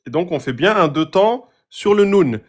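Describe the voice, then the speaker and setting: A man teaching Quran recitation rules, patiently asking questions and repeating example words slowly. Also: high-pitched, expressive. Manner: asks students rhetorical questions. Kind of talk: tajwid lesson, explaining a page.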